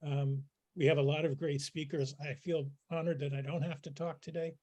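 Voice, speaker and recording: Hoarse man hosting an online event. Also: a little high, little pitch movement, a little mellow. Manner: halting, with many fillers. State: lost his voice. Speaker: event host.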